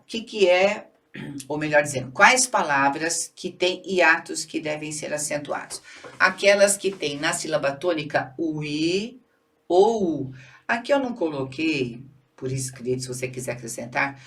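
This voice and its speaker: A woman's voice: sits low, fairly bright tone, recorded from a distance. A Brazilian woman teaching Portuguese for a public exam, explaining step by step, checking in with the listener and stretching syllables to show word stress. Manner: didactic, checks in with "tá bom?" and "certo?". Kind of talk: exam-prep grammar lesson.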